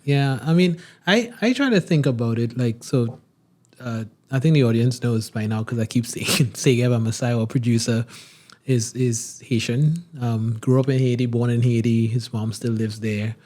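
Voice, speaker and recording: A man from Trinidad hosts a podcast interview in a mid-range voice. He asks long, rambling questions with plenty of pauses and fillers. Between his questions he keeps up a stream of short acknowledgements. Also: medium pitch, a little mellow. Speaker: podcast host.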